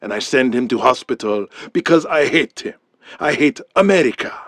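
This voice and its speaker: An actor playing an arrogant villain wrestler who rants in broken English with a put-on Middle Eastern accent. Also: male voice, mid-range voice, lively intonation, normal speed, dry recording, studio quality, close to an everyday voice. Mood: ranting. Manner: broken English, bombastic ranting. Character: arrogant villainous heel wrestler champion, boastful, hateful. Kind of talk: audio drama acting.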